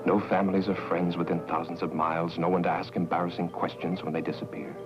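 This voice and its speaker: Casting: actor as a deep-voiced, measured horror narrator over loud music, dull old soundtrack. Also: male voice, little pitch movement, lightly acted. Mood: ominous. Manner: slow, ominous and measured. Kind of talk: scripted film narration.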